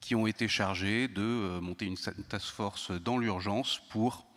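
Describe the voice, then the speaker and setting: Low-ish guy on a panel, lots of ums, slow careful talk, echoey conference hall. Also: fairly bright tone. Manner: measured, many hesitations and restarts. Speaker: intelligence service panelist. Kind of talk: round-table talk. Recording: long hall reverb.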